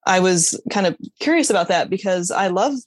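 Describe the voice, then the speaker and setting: A woman with a fairly low, husky, expressive voice speaks at normal speed, with no room sound. As an interview guest, she shares her personal faith testimony in conversation, earnest and candid, stopping and restarting sentences and laughing now and then.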